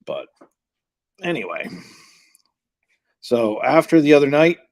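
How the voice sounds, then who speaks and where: Calling hockey play by play on a live stream, this man greets viewers in casual, chatty talk that gets a little scattered as he juggles tasks. His mid-range voice is slow and sing-song, with some vocal fry.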